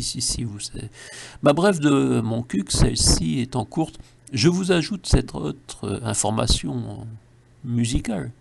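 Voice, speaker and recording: A man's voice: fairly high pitch, vocal fry, darkish tone, no room sound. A man with a French accent delivering a mocking satirical monologue full of ironic asides. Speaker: satirical commentator.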